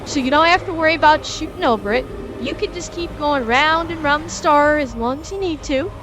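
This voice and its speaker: Hosting a live gaming lesson, a woman instructs viewers, emphatically repeating key points and answering their questions as she goes. She has a high voice, talks a little fast, and there is background noise.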